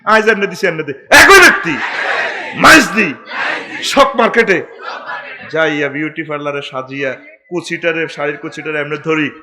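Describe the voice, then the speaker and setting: A middle-aged man preaching a waz sermon, storytelling comically with sudden shouts. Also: on the high side, lively intonation, moderate pace, long pauses, a crowd in the background.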